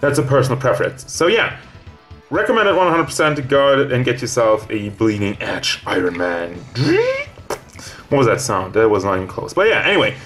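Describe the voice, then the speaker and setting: A man's voice: mid-range voice, big pitch swings, fairly quick, fairly bright tone. A man reviewing a toy figure in a casual, rambling way, hot and out of breath, with faint music behind him. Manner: rambling, casual, self-correcting.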